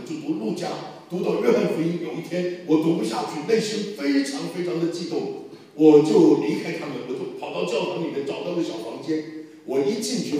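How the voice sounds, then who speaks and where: Older male preacher, lively storytelling testimony, mellow voice, heard from far off in a big reverberant hall. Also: on the high side. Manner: animated storyteller, mimics voices, bursts of emphasis.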